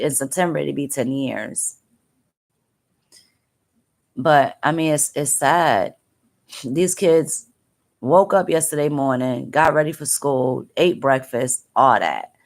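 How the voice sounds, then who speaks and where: A woman with a low voice talks live to her viewers through tears. She halts and repeats herself, upset and angry, as a mother speaking straight to the camera. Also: unhurried. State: tearful. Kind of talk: emotional live-stream talk.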